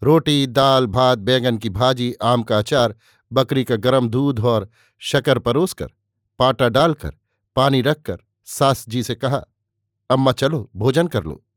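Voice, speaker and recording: A man giving a measured, unhurried narration of a novel as an audiobook. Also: medium pitch, no room sound, studio quality.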